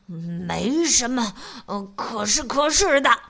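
Woman voicing a pompous stout gentleman, indignant, blustering, slow. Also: a little high, big pitch swings, creaky, heavily acted. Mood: angry.

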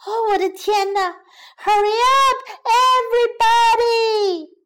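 A woman voicing a mischievous, bored young shepherd boy in a children's storybook, speaking slow, drawn-out lines and shouting in mock panic. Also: sits high, very animated, exaggerated voice.

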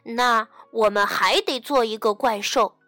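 A woman voicing a young, brave boy bunny who is excited and quick to cheer, in a storybook. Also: fairly high pitch, dry recording, soft background music. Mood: realizing.

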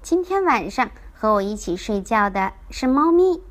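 A woman's voice: on the high side, very animated, normal speed. A woman voicing an eager, determined little girl in a children's story, speaking with bold insistence. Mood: surprised. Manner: bold, chest-thumping insistence.

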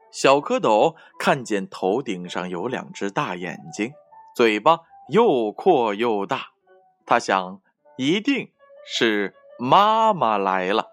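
A man reading a children's story aloud in a slow, expressive way, with faint music behind. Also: fairly low pitch. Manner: slow, expressive and sing-song. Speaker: narrator.

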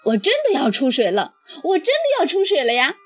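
Woman voicing cheeky storybook boy, fast and bossy, pitched up. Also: big pitch swings, a bit bright, faint music behind, exaggerated voice. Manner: commanding, then cheeky. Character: bossy mischievous village boy in a river.

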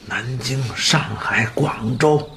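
A man's voice: medium pitch, slow, noisy background, lightly acted. An actor playing a crude, scheming, irritable man of a wealthy household in a period TV drama, with a Beijing accent and earthy swearing. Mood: defensive scheming.

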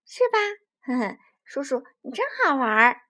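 A woman voicing a timid, tearful baby spinosaurus in a children's storybook, squeaky and pleading. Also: very animated, moderate pace, sharp tone, heavily acted. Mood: delighted. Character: crybaby little baby spinosaurus, timid and sweet.

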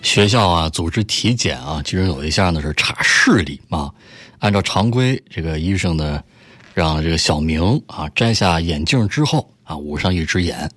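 A man's voice: deep voice, no echo, studio quality. A male host telling short jokes, laughing along and acting out each character. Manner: lively storyteller who laughs at his own jokes and acts out characters. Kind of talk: joke-telling comedy segment.

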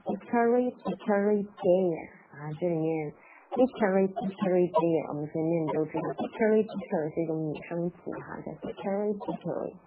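A woman teaching an English pronunciation lesson in a live stream, patiently repeating words and reading a nursery rhyme aloud. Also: lowish voice. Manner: patient and instructive, repeats words slowly and spells out sounds; reads the rhyme aloud at slow, medium and fast speeds. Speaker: English teacher for parents and children. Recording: tinny phone-like sound with faint background noise.

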